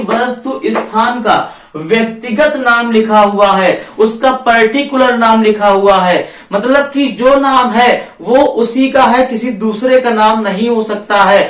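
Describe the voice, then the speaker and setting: A man's voice: sits high, a bit bright, recorded from a distance. A male teacher talks through a grammar lesson for exam students. He repeats each rule and answers his own questions. His voice rings around an echoey room and sits some way off the mic.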